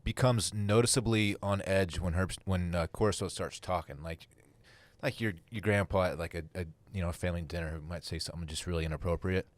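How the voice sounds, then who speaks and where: Man, very low voice, casual sports panelist, dry recording. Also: brisk, dry recording.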